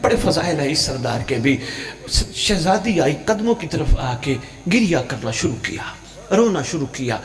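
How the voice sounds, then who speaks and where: Male cleric, emotional mourning sermon, sing-song, slightly high voice. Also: big pitch swings. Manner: impassioned, sing-song chanting with sudden swells. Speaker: Shia religious preacher. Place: religious gathering in Punjab.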